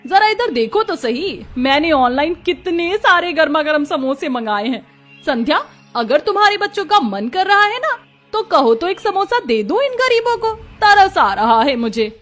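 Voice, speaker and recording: A woman voicing a haughty, mocking rich neighbor in a cartoon story, drawling her taunts slowly. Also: very high voice, big pitch swings, a bit bright, soft background music, full character voice. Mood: gloating. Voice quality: sneering, drawn-out taunting delivery.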